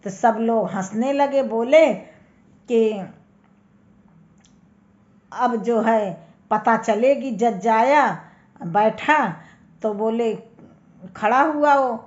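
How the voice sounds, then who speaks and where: A woman slowly telling a homely folk tale, unhurried, with small hesitations. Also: a little high, darkish tone. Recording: dull lo-fi recording.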